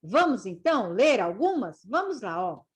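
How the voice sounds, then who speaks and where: A woman teacher giving a slow literacy lesson for children, drawing out syllables and words. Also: mid-range voice, very animated, breathy edge.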